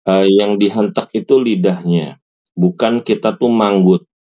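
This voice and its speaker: A man guides a small recitation class, patiently repeating each phrase himself. His voice sits very low and unhurried, with a mellow, soft tone. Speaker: Quran recitation teacher. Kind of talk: online recitation lesson.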